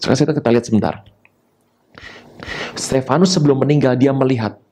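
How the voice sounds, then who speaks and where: A man preaching a sermon, talking in a lively way with sudden high emphatic rises and quick asides. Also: slight background noise. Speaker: pastor.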